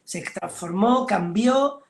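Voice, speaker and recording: Middle-aged male director, high gravelly voice, animated storyteller. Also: slow pace. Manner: animated storytelling, acting out quoted dialogue. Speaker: film director. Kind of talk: conversational interview. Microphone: video call.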